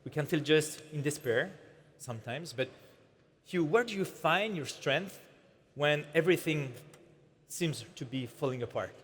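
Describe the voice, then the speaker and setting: Guy moderating on stage, kinda high voice, lots of um and uh, big echoey hall. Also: animated, fairly bright tone. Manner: halting, with fillers and restarts. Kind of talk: hesitant stage interview.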